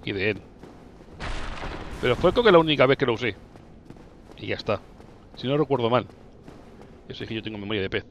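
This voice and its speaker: A young man with a Spanish accent from Spain commentating his own gameplay, playful and excitable, teasing the enemies he fights with sudden yelps and laughs. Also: lowish voice, dull audio, a little hiss or hum. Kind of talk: playful let's-play commentary.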